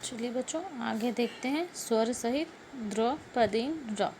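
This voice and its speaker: A woman's voice: a little high, slow, a little mellow, a little hiss or hum. A woman teacher giving a grammar lesson to schoolchildren. She repeats words and keeps asking the class questions.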